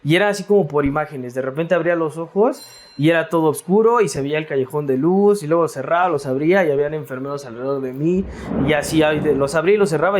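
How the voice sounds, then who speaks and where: A man's voice: fairly high pitch, slight background noise. A man with a Mexican accent, a guest in a casual interview, telling his story in a reflective, rambling way with many fillers and repeated words.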